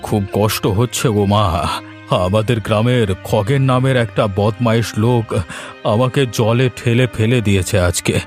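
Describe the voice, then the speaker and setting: Man playing a low-voiced old village gentleman, cartoon. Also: steady tone, normal speed, faint music behind, lightly acted. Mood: weary, grateful. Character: self-assured, wordy elderly village gentleman. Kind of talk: cartoon voice acting.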